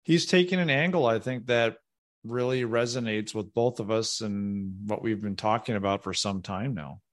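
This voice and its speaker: A man's voice: on the low side, moderate pace. A man talking conversationally as a podcast co-host. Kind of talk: conversational discussion.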